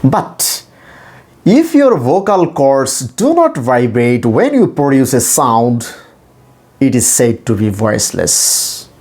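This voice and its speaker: With a medium-pitched, darkish voice and a sing-song delivery, a Bangladeshi man whose first language is Bengali gives English pronunciation lessons. He instructs deliberately, repeating and demonstrating each point.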